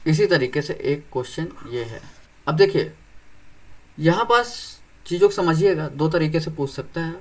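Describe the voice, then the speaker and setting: A man's voice: on the high side, animated, normal speed. A young man teaching an exam-prep reasoning lesson, explaining step by step and often asking whether students follow. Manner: explains step by step, keeps checking "clear?".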